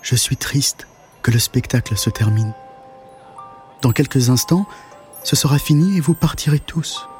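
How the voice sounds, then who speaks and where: A man voicing a small, sad female firework in a storybook reading, speaking softly and plaintively. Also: medium pitch, measured pace, pauses often, faint music behind, lightly acted. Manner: soft, gentle and plaintive.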